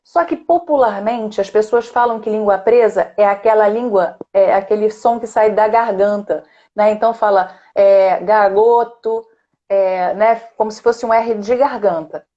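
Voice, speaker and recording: Speaking a little slowly in a mellow, medium-pitched voice, a female speech therapist from Rio de Janeiro explains and demonstrates voice technique in a live online chat, often adding "né?". She has a Rio de Janeiro Brazilian Portuguese accent, and the audio's highs are cut off.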